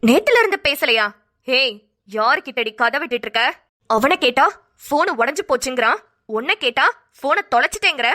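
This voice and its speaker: A woman's voice: high-pitched, animated, moderate pace, sharp tone. A woman voicing an angry middle-aged cartoon mother who scolds and accuses while hunting for her son. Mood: accusing. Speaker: cartoon voice artist.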